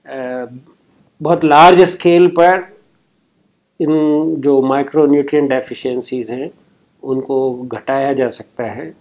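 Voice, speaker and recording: A man, a program official, explaining his work slowly and hesitantly in an interview. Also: mid-range voice, steady tone, a little mellow, low-quality recording. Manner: slow and hesitant, with fillers.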